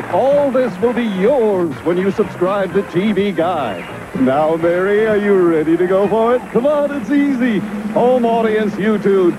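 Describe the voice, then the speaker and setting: High-pitched chipper game show host. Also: male voice, noisy background. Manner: chipper, exclamatory showman. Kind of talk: game show announcer parody ad read. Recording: music bed behind the voice.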